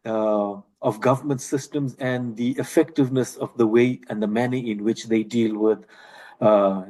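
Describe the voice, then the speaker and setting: A man introducing himself on a panel in measured, formal speech. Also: medium pitch, warm tone, breathy edge.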